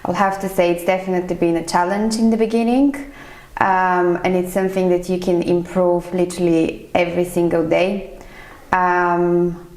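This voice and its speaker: A Bulgarian woman in her thirties, a chief financial accountant, is a guest on a casual podcast, answering questions thoughtfully and hesitantly with plenty of fillers. Her fairly low voice is level and a little mellow, at normal speed, in a reverberant recording.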